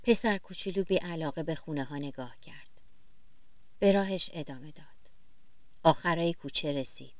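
A woman narrating a children's story gently and expressively, sometimes speaking straight to the young listeners. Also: sits low, long pauses, no echo.

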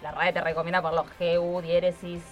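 A woman's voice: lowish voice, flat delivery, fast, dull audio. Chatty Argentine woman over music. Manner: explanatory, chatty. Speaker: radio panelist, text proofreader. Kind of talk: casual radio chat. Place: radio studio.

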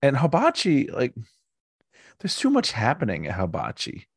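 A man co-hosting a podcast in casual chat, telling stories in an animated, joking way. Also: medium pitch, moderate pace, creaky, breathy edge, dry recording, studio quality. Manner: animated, jokey storyteller. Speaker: podcast co-host.

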